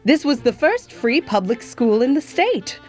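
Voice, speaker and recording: A woman's voice: sits high, sing-song, a little slow, a little mellow, soft background music. A woman playing a gracious historical nurse who tells her life story in a genteel way, calling her listener "my dear". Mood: storytelling. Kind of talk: scripted educational acting.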